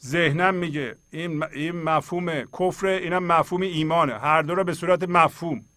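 Man, middle-aged, spiritual teaching host, earnest and exhorting, fairly high voice, dry sound. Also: fairly even intonation, bright, forceful tone, dry recording. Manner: earnest, exhorting, speaks straight to listeners; colloquial, reads and explains verses.

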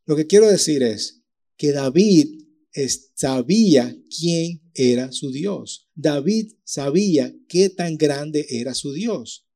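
Man, preacher, animated storytelling, warm tone. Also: on the high side, slow. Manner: lively storytelling with acted-out voices and sound effects. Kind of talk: sermon.

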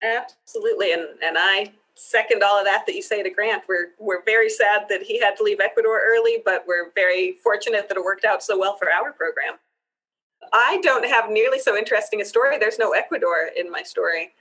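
A woman's voice: medium pitch, brisk, bright, forceful tone, low-quality recording. A middle-aged woman from Wyoming, a program supervisor, answering interview questions in an upbeat, chatty way and laughing easily. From United States (Wyoming).

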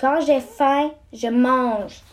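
Storybook villain: woman reading a sneering hungry snake, high voice, slow reading, faint hiss of noise. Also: steady tone.

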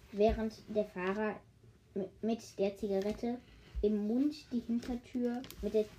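Her voice mellow, a woman reads aloud from a children's book, often breaking off for jokes with her listeners, tripping over words and correcting herself, and going higher for the characters' quick cries. The low-quality recording carries a slight hiss or hum.

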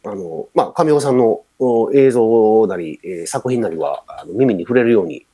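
A man's voice: on the low side, expressive, moderate pace, warm tone, slightly rough. A middle-aged man with a Kansai accent, chatting casually as a podcast co-host and rambling with many fillers. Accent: Kansai Japanese. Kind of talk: casual chat.

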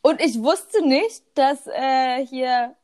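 A woman's voice: on the high side, expressive, moderate pace. A young woman in her twenties chatting casually as a podcast co-host, laughing often and dropping English slang. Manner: giggly, lots of laughter. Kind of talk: casual chat.

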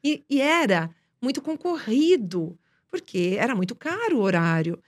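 Tv presenter lady on a podcast, talks fast without stopping, higher voice, lively stories. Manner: talks fast and nonstop, animated anecdotes. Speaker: journalist and TV presenter, guest. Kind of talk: casual podcast interview storytelling.

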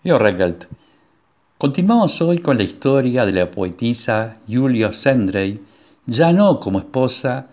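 Low-voiced man narrating history. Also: a little mellow. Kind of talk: scripted radio narration.

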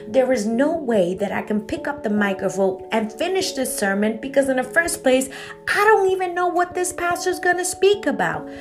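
A woman's voice: sits high, lively intonation, moderate pace, over music. A young adult woman from Guatemala hosting her own evangelist podcast, telling her personal testimony in an earnest, preacherly way.

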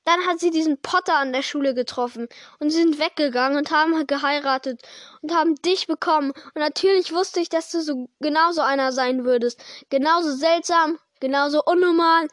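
A woman's voice: high voice, brisk, no room sound, clean studio sound, lightly acted. Woman reading a bitter, scornful aunt. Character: shrill, bitter middle-aged aunt.

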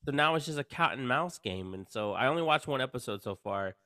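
A man's voice: medium pitch, animated, fairly quick, sharp tone, dry recording, clean studio sound. A man co-hosting a podcast, chatting casually about TV series in an easygoing way, often restarting his sentences. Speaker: podcast co-host. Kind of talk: casual chat about films and TV.

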